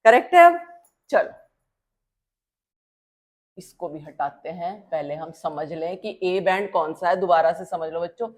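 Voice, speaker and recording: A woman teaching a biology lesson while drawing. She keeps quizzing her students and answers her own questions, and she slows right down to drill key terms. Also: on the low side, lively intonation. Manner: drills terms slowly and repeats them.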